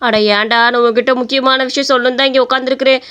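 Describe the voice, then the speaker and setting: A woman's voice: high voice, level tone, very fast, fairly bright tone, smooth. A woman voicing an older mother-in-law who frets and fusses over her daughter-in-law. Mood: worried. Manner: fretful, fussing. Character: worried older mother-in-law, fretful and caring.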